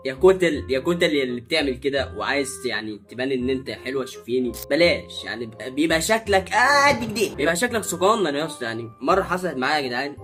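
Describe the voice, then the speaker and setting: A young Egyptian man with an Egyptian Arabic accent, hosting his channel with animated, mocking comic reactions. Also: mid-range voice, rapid-fire, hardly any pauses, faint music behind. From Upper Egypt. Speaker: channel host.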